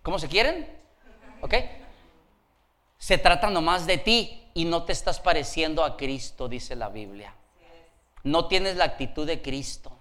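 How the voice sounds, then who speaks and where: A male pastor preaches a sermon with a bright, fairly high voice. He works the congregation with call-outs and keeps a playful, laughing tone. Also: measured pace, pauses often. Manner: lively, calls out to the congregation for responses.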